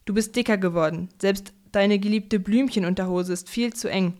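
A woman voicing a small, cheeky male mouse who giggles and squeaks in a storybook reading. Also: normal speed, a little mellow, natural voice. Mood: teasing. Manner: squeaky, chirpy.

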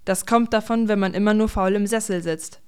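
A woman voicing a small, cheeky male mouse who giggles and squeaks in a storybook reading. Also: a little fast, darkish tone, clean tone, natural voice. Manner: squeaky, chirpy.

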